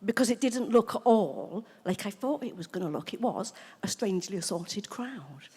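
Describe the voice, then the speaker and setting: A woman with a British accent giving a frank, animated recovery testimony to a live audience, swearing freely and acting out her own past thoughts. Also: mid-range voice, moderate pace, husky. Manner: frank, animated storytelling with swearing and mock quotes of herself. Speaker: main speaker at a recovery convention. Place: large convention hall. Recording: long reverb of a large hall.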